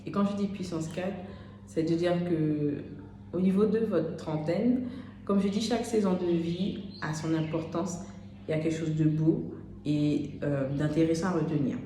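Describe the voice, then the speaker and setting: Low-voiced woman coach in echoey room. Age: 30s. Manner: unscripted, addresses listener as "tu", many "euh" pauses. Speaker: life coach. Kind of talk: motivational coaching talk. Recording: very echoey room with steady background noise.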